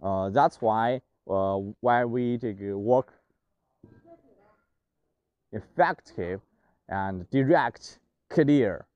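Extremely slow with long pauses, a young non-native English speaker leads a walking tour of a large indoor factory warehouse in a mid-range, slightly mellow voice. His talk is riddled with "uh" fillers and restarts, and the audio has its highs cut off.

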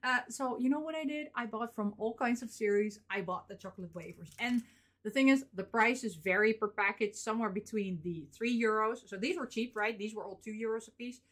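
A woman's voice: on the high side, fairly quick, fairly bright tone. Woman, 30s, vlogger. Casual unboxing chatter, rambling, filler-heavy. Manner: chatty, rambling, frequent fillers and small laughs. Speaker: vlogger showing convention purchases.

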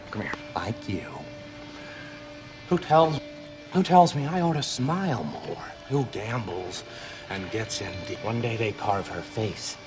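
An actor playing a scarred, unhinged criminal clown in a film, his speech erratic, drawling, and breaking into sudden shouts and whispers. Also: mid-range voice, lightly acted. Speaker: villain. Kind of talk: film acting. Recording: film dialogue with score behind. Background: film score music.

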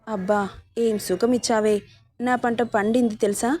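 A woman's voice: fairly high pitch, fairly even intonation, moderate pace, dark tone, close to an everyday voice. A woman voicing a leering villainous brother-in-law. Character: scheming lustful man, brother-in-law villain.

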